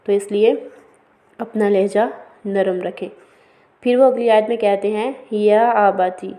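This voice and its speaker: A woman giving an explanatory lecture on scripture verses, calm and patient. She often checks in with her listeners and mixes English words into her speech. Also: medium pitch. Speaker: religious studies teacher.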